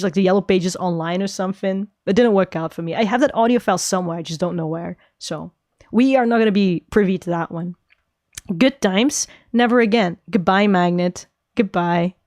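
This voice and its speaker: A woman's voice: medium pitch, fairly quick, darkish tone, no room sound, clean studio sound. A young adult woman streaming casual chat, rambling, giggling often and swearing freely. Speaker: VTuber streamer.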